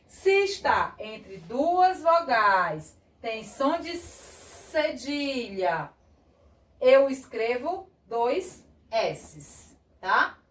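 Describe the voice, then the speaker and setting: A Brazilian woman teaching young children, sounding out words slowly and clearly as she explains spelling. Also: sits high, big pitch swings. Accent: Brazilian Portuguese. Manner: slow, sing-song, exaggerated word sounding. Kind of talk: children's lesson. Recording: echoey room, a bit far from mic.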